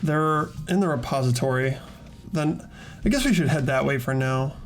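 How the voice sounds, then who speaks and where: A man dubs an amateur visual novel, voicing an earnest teenage boy who flusters easily, handling both narration and dialogue. His mid-range voice moves at a moderate pace with hesitant, expressive, lightly acted delivery over soft background music.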